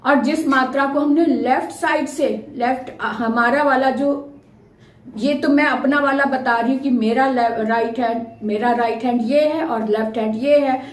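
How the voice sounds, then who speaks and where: A woman teacher with a high voice, explaining a lesson to children with patient repetition. She stretches out sounds slowly to show them, and her voice rings in an echoey room. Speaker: Hindi teacher.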